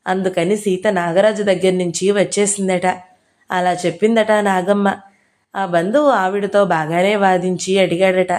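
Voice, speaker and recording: A woman's voice: mid-range voice, darkish tone, lightly acted. A woman reading the lines of an insistent older father in an audio novel, in her own plain voice. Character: older father pushing his daughter's court case.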